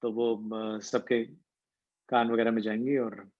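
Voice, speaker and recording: A man's voice: on the low side, little pitch movement, slow pace, a little mellow. A man teaching an online voice class as coach. He explains each point and mixes English terms into his talk. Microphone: video call. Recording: dull lo-fi call audio.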